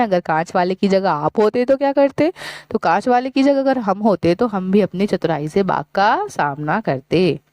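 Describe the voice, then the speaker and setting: A woman's voice: mid-range voice, darkish tone, dry recording. Woman teacher reading a children's workbook. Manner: slow, clear syllable-by-syllable reading for children. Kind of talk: reading a workbook lesson aloud.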